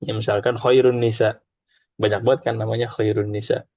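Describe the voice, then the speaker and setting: A man's voice: lowish voice, flat delivery, brisk, gravelly, a little mellow, no echo. A man teaching an informal Arabic class, chatty, explaining with examples and having students repeat after him. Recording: dull lo-fi dry recording.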